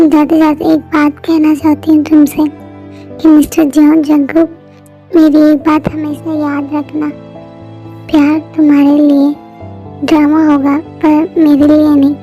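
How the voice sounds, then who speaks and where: A woman voicing a heartbroken young wife in an amateur fan dub drama, talking slowly and emotionally. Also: high-pitched. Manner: pleading, emotional, slow. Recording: muffled lo-fi audio with soft music.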